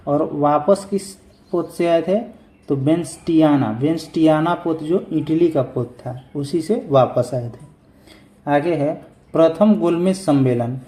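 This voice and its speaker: A man's voice: on the high side, mellow, echoey room. A man giving an exam revision lesson, reading each question aloud and saying every answer twice. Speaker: teacher.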